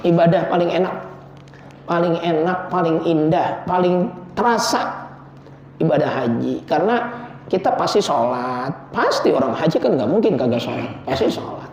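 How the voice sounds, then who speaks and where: A man preaching, telling stories with jokes and loud emotional peaks. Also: on the high side, expressive, normal speed, a little hiss or hum. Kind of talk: informal religious study talk. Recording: echoey room, dull lo-fi sound.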